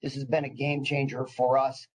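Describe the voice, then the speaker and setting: With a medium-pitched, slightly mellow voice that has a breathy edge, a clinical department director gives an informal professional talk. He's enthusiastic and psyched, like someone on a few coffees, eagerly pushing past hesitations and restarted phrases. His tone stays level and his pace moderate.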